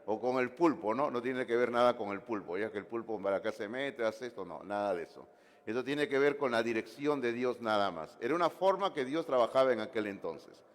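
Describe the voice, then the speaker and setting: A man preaching a sermon as pastor, animated, with asides and jokes to the congregation. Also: mid-range voice, brisk, big-room sound. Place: church sanctuary.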